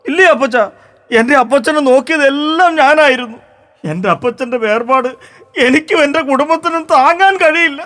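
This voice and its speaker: A two-faced son, acted by a young man, making slick, fawning excuses in a very high, bright voice. It is a stage comedy drama. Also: normal speed. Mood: excusing. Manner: fawning, self-justifying. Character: hypocritical son, feigned grief.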